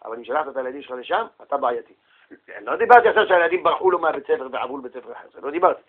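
A man teaching a religious lesson with animated storytelling, asking rhetorical questions and acting out the people in his stories. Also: a little high, slightly rough, narrow, tinny audio. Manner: animated storytelling, acts out quoted voices. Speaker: Torah teacher.

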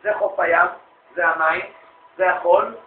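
A man giving a storytelling religious lecture to an audience, lively and anecdotal, acting out the dialogue he quotes. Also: high-pitched, slight background noise. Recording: echoey, phone-like lo-fi recording.

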